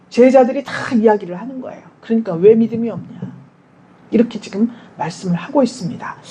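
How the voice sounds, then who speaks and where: A woman's voice: sits high, mellow, slight background noise, rough recording. A woman pastor giving a Sunday sermon in a church. She talks to the congregation conversationally, asks them questions and acts out quoted prayers and dialogue.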